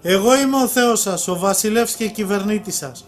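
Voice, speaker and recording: A man's voice: sits high, lightly acted. A man voicing a raging, tyrannical male Antichrist who roars out commands. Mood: commanding. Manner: roaring commands.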